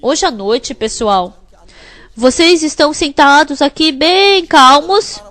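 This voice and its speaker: High-voiced woman interpreting a sermon. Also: a bit bright. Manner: emphatic, repetitive preaching cadence.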